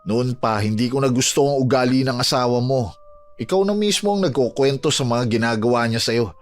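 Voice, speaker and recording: A man's voice: mid-range voice, a little fast, close to an everyday voice. An actor playing a blunt, concerned coworker who pleads with his friend. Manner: earnest, pleading, plain-spoken. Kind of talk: audio drama acting. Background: music.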